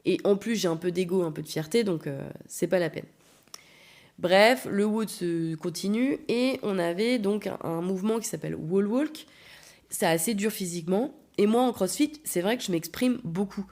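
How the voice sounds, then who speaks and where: A woman hosting a podcast, telling a personal story in a blunt, animated way and acting out the lines of the people in it. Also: medium pitch, moderate pace. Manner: blunt, animated, acts out quotes. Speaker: podcast host. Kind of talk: casual storytelling.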